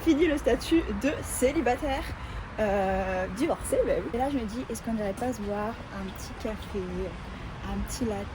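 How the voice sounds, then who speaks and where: A young vlogger talks at a normal pace in a fairly high voice, casual and self-mocking, often trailing off into hesitant asides. The phone she holds at arm's length picks up echoey audio with a faint hum as she moves through apartment rooms and city streets.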